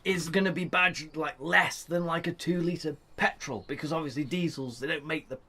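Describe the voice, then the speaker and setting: A man's voice: a little high, normal speed, pushed and bright, slightly rough. A man co-hosting a casual car news chat in a shed, joking and reading a press release aloud. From United Kingdom. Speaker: podcast co-host.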